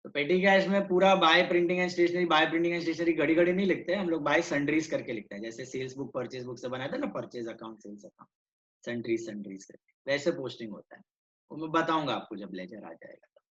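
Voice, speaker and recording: A man's voice: a little high, fairly quick, a bit bright, dull audio. A man teaching an online accounts class, switching between Hindi and English and quizzing his students.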